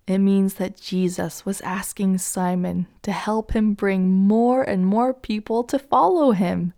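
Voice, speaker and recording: Slow, gentle woman telling a children's story. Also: medium pitch.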